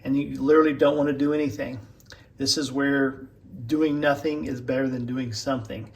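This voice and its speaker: A man's voice: mid-range voice, fairly even intonation, normal speed, darkish tone. A man in his forties from Western Kansas, with a Western Kansas accent, hosting a casual home cooking demonstration with folksy, rambling explanations. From Western Kansas, USA. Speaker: host of a DIY cooking channel. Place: home kitchen at the stove. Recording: roomy, distant kitchen sound.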